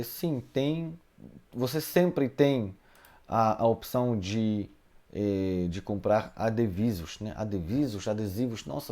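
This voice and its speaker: A man's voice: medium pitch, mellow. Hesitant man teaching Hebrew live. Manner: hesitant, many fillers and tag questions. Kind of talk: live online lesson answering questions.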